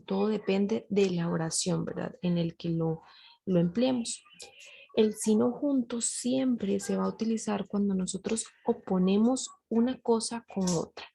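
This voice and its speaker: Gravelly-voiced woman teaching grammar. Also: mid-range voice, mellow, low-quality recording. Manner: patient, often checks with a questioning tag. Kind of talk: grammar lesson.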